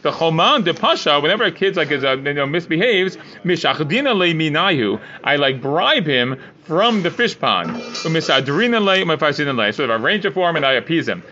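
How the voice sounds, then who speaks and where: A man's voice: a little high, sing-song, a little fast, hardly any pauses, pushed and bright, soft background music. A man teaching a Talmud class in a casual way, translating line by line with many fillers. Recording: dull lo-fi recording.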